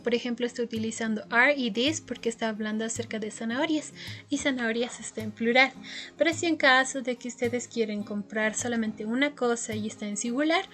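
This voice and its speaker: A woman's voice: on the high side, a bit bright. A woman giving a recorded language lesson as a teacher, explaining patiently and often checking in with her listeners. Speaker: English teacher.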